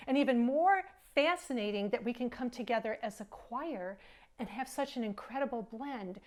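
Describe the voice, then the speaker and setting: A woman's voice: on the high side, darkish tone, dry recording. A woman choir director giving a friendly, enthusiastic video lesson on vocal technique.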